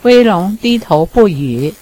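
A woman narrating an audiobook, calm and even as she tells the story. She reads slowly, at a middle pitch. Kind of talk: audiobook reading.

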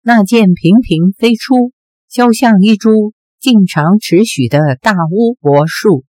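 A woman reading a martial-arts novel aloud as narrator, in a deliberate, even storytelling manner on a close mic. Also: medium pitch, dry recording. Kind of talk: scripted audiobook narration.

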